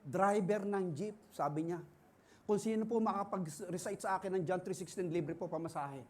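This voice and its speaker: High-pitched Filipino male pastor, animated sermon storyteller. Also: moderate pace. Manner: animated preaching, acts out dialogue, laughs often.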